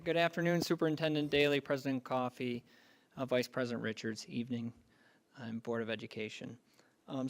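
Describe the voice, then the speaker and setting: A man giving a finance and audit committee report at a school board meeting, pausing often with ums. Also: mid-range voice, smooth. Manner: hesitant, frequent ums.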